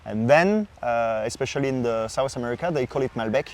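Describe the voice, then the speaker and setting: With a medium pitch and a slightly mellow quality, a podcast sommelier from France talks informally about wine. He's a non-native speaker with a French accent. He tends to phrase things hesitantly, in a halting way.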